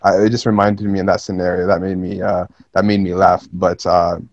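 A young man chatting casually on a podcast, pausing often on "uh" and apologizing as he cuts in. His voice is low and recorded dry, with no room sound around it. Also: little pitch movement, no room sound, dull audio. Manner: hesitant, many "uh"s, apologetic interjections. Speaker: podcast co-host. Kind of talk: casual chat.

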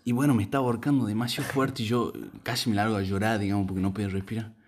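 A man's voice: fairly low pitch, fairly even intonation, racing, noisy background. A young man with an Argentine accent telling a rambling story in casual chat, full of slang and fillers. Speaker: podcast co-host telling a story.

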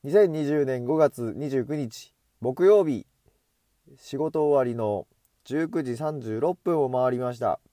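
A solo podcaster with a mellow, medium-pitched voice rambles casually as he walks down a street outdoors, his nose running from hay fever. He takes it slowly, chatting to himself in a self-amused way through an earbud headset mic, with no echo.

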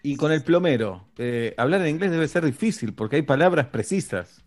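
A man's voice: on the high side, animated, moderate pace, faint music behind. A man with an Argentine accent hosting a radio interview, teasing and chatting with short interjections. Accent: Argentine Spanish. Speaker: radio host. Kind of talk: casual interview chat.

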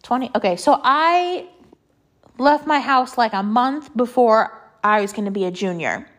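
A young woman in her late teens with a congested, stuffy-nosed voice, chatting casually and confidingly in a personal monologue, with halting, filler-heavy phrasing. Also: a little high, expressive, fairly bright tone. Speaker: podcast host.

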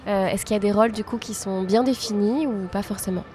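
A woman's voice: mid-range voice, steady tone, fast, warm tone. A woman interviewer speaking informally and conversationally with her guest.

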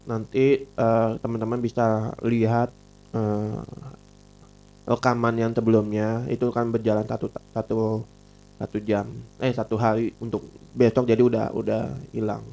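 This podcaster and live stream host speaks in a lowish, level, creaky and mellow voice at a normal speed. He has an Indonesian accent, says he has a slight lisp and slurs his R and L sounds, and keeps repeating phrases during his informal live stream chat.

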